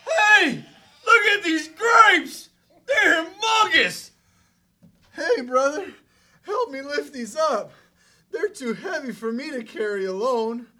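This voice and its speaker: A performer playing an excitable, nervous Israelite spy in a children's Bible skit, with exaggerated exclamations. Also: high-pitched, a little slow, exaggerated voice. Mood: excited.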